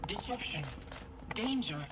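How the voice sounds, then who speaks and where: A broken female security robot glitches through terse error reports and diagnostics, her pitch leaping up and down between words and sometimes dropping to a whisper. It is heard through game audio with a heavy wash of noise behind it. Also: lively intonation, unhurried. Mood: glitching. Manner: terse machine status reports, some whispered. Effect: glitching robot voice, clipped error announcements.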